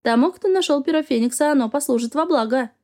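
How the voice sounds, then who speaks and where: A woman voicing a mysterious female guardian who speaks in calm, cryptic phrases in an audiobook. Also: sits high, pitched above the performer's own voice, natural voice. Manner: measured, enigmatic.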